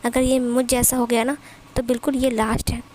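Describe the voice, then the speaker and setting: Woman reading as a flustered dad, stern and scolding, in a high light voice, quick and blustery, storybook reading. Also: flat delivery, a little mellow, slight background noise. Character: stern, exasperated young father of three.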